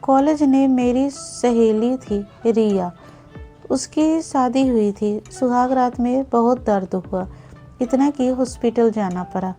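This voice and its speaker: Woman doing timid young bride, pleading, soft, slow, mellow tone, storybook. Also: fairly high pitch, faint music behind. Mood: tearful.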